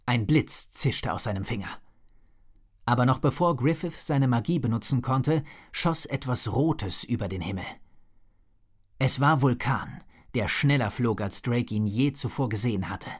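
A man narrating a children's story in a calm, measured reading voice. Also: medium pitch, slightly rough. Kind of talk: storybook read-aloud.

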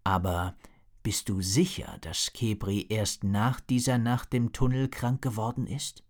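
A man voicing an older wizard in a low, concerned murmur. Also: fairly even intonation, a little slow, a little mellow, close to an everyday voice. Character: older male wizard, grave and caring.

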